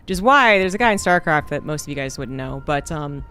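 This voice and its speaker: Faint music plays behind a man whose clean-toned voice sits on the high side and moves a little fast. He's streaming a game and rambles easily through casual chat, leaning heavily on fillers.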